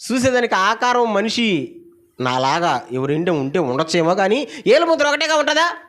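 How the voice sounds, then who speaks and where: A middle-aged man preaching a Sunday sermon, calling out to the congregation for responses, firing off rhetorical questions and swinging between loud exclamations and low asides. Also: big pitch swings, normal speed. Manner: asks the audience many rhetorical questions. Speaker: pastor.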